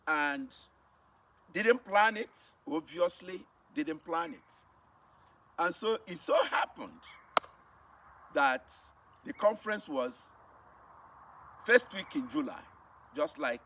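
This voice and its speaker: With a slightly high, somewhat bright voice, a middle-aged missionary with a Nigerian accent tells the camera his personal testimony. He is emphatic and repeats phrases for effect. Recording comes from a distant mic, and faint background noise is present.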